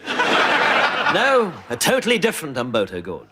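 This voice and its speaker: A dry, sarcastic army captain. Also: male voice, sits high, huge pitch swings, a little slow, heavily acted. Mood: sardonic. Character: sardonic, weary male army captain. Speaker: captain in a TV comedy. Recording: TV clip played back with heavy background noise.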